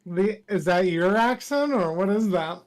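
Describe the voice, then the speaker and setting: A man's voice: high voice, lively intonation, faint music behind. A man playing in a tabletop game, teasing and bantering casually. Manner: joking, quick banter. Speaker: player.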